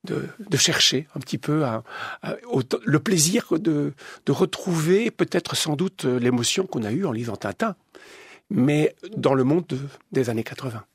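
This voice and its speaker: A man's voice: a little high, lively intonation, moderate pace, slightly rough, dry recording, clean studio sound. A man from Belgium, a comics author answering interview questions, searching for words with many restarts and repeated words. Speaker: comics artist guest.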